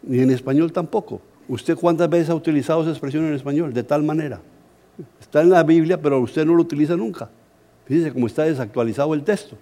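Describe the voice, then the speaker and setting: A middle-aged Colombian man, a pastor, preaching a sermon as an animated, humorous story. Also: a little high, fast. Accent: Colombian Spanish.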